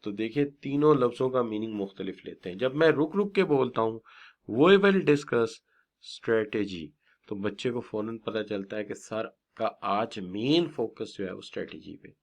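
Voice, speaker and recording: A man's voice: lowish voice, animated, normal speed, gravelly, few pauses. A middle-aged man giving a classroom lecture on business communication, stretching and stressing words as he teaches and often praising his students. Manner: mixes English terms into his explanations.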